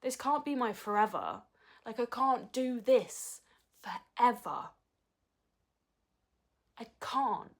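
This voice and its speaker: A woman's voice: a little high, lively intonation, slow pace, long pauses. A woman, talking frankly and earnestly in a personal vlog. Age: early 20s. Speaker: vlogger. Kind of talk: candid personal vlog talk.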